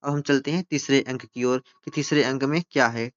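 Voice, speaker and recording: Man teaching literature, smooth voice. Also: medium pitch, fairly even intonation, fairly quick, dull audio. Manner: repeats "ठीक है ना", asks and answers his own questions. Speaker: Hindi teacher. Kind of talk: literature lesson explaining a play.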